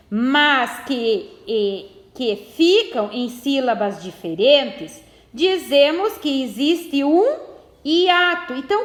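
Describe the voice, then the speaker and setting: A woman's voice: high voice, fairly bright tone, echoey room. A woman teacher, patiently explaining a lesson and reading exercises aloud.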